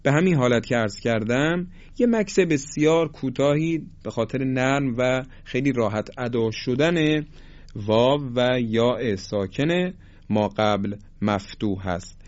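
A man gives a patient, courteous lesson on Quran recitation, pausing to recite example words slowly and carefully. His voice sits in an ordinary middle pitch. The recording is slightly muffled and lo-fi. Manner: patient, polite, slows to stretch out each example word.

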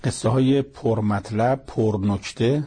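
A man's voice: lowish voice, mellow, husky. A man giving a Quran commentary talk, retelling the stories in a colloquial storytelling way, his voice rising at the outbursts. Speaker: Quran teacher.

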